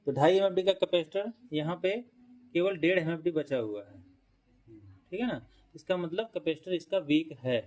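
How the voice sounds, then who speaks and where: A man with a slightly high voice teaches fan and motor repair. He explains patiently and repeats key points, stopping often to check that the viewer follows. He works with tools while he talks. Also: darkish tone. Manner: demonstrating with tools while talking. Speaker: electrician instructor. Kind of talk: hands-on repair tutorial.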